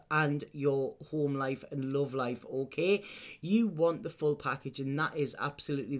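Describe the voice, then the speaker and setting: Male tarot reader, fairly high-pitched voice, for a mystical horoscope reading; reassuring, conversational, checks in with the listener often. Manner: reassuring advice with repeated "okay?" checks.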